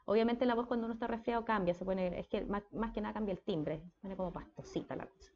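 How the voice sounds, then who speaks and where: A woman's voice: medium pitch, quick pace, highs cut off, slight background noise. A woman with a Chilean accent giving a casual speech therapy lecture, often checking in with her students. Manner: conversational, checks in with frequent "¿ya?".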